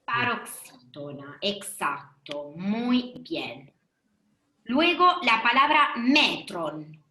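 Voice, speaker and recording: Woman teacher, slow and lively, echoey room on a video call. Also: mid-range voice. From Argentina. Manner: patient, questioning, affirming answers. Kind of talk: online class lesson.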